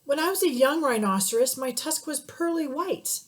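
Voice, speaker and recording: A woman voicing a gloomy old male rhinoceros who weeps over his yellowed tusk, speaking loudly and mournfully. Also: expressive, moderate pace. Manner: loud, deep-acted, weepy grumbling.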